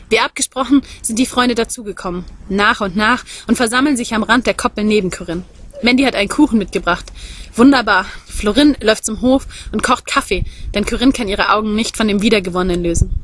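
A woman reading a novel aloud in measured, expressive narration. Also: a little high, slightly rough. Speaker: audiobook reader.

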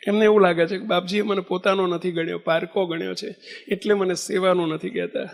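A man giving a sermon as a swami, telling a story and acting out the dialogue in an animated way. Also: sits high, brisk, gravelly. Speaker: swami giving a religious discourse. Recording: long hall reverb.

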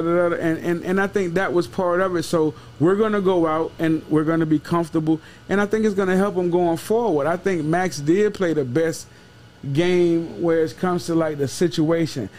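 With a fairly high yet darkish voice, this football analyst and sports show co-host chats casually after the game. He's emphatic, says things more than once, and swears a bit. The setting is a small wood-paneled studio, recorded through a podcast microphone with a headset.

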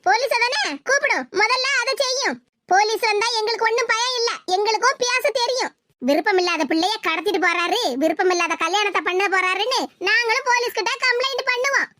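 A woman's voice: very high voice, fairly quick, pushed and bright, a little hiss or hum. A woman voicing a bold village woman with a Tirunelveli accent, defying and threatening a man in a cartoon. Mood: defiant. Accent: Tirunelveli Tamil. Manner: defiant, threatening. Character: bold village woman defending a runaway girl.

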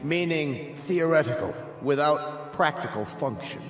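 A scornful chancellor of a totalitarian state, rings out in a high male voice through a big echoing hall. He is pompous and oratorical, in radio drama style, with music underneath. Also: animated, a little slow. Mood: cold, dismissive. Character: cold, scornful state chancellor presiding over a tribunal.

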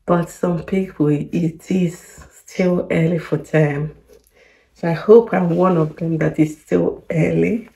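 Slow gravelly-voiced woman with morning voice. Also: on the low side, dark tone. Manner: candid, worried, hopeful. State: just woke up, morning voice. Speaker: vlogger. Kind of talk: casual vlog to camera.

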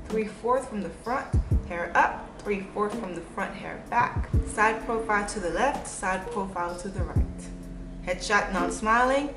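A young woman in her twenties chatting casually to camera as a modeling vlogger, playful and bubbly with jokey asides. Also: mid-range voice. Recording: echoey room with music playing. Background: music.

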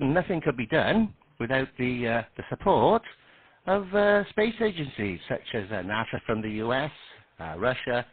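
Husky man explaining over a tinny radio. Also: mid-range voice. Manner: explanatory, uses radio call signs. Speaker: guest panellist. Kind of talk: amateur radio net chat. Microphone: radio transceiver.

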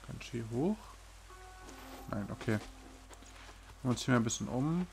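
A man's voice: medium pitch, animated, moderate pace, over music. A man giving casual gameplay commentary, thinking aloud in an easygoing way as he plays. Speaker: gamer, let's player. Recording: game sounds clearly behind the voice. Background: video game effects and ambience.

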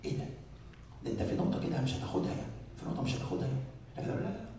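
A man with an Egyptian Arabic accent giving an animated sermon as a priest, asking many rhetorical questions. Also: mid-range voice, very fast, creaky, very echoey, recorded from a distance, slight background noise. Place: church.

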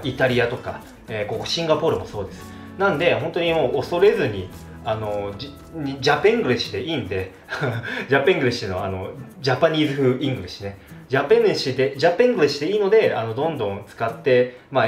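A man from Japan, a vlogger chatting casually to camera, animated as he demonstrates pronunciations and chuckles often. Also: mid-range voice. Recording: echoey room, faint background music.

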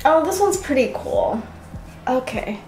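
A woman's voice: high voice, very animated, unhurried, a little mellow, faint music behind. A woman vlogger chatting casually and upbeat while wearing a sheet face mask, with a lot of "like" in her talk. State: talking through a sheet mask. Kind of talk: casual vlog chat.

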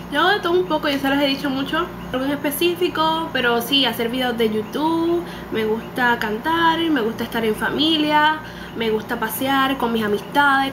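Here a beauty vlogger, nineteen and from Puerto Rico, talks excitedly into her webcam in a high voice, with a Puerto Rican Spanish accent and English words slipping in. The setting is a small indoor room, and the home recording carries some background noise.

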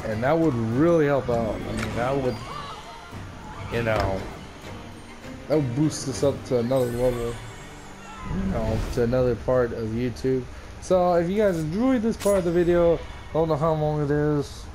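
Over music, a man from the United States delivers loose, wandering let's play commentary through a gaming headset. He speaks at a medium pitch and normal speed, and the noisy mic also picks up game ambience.

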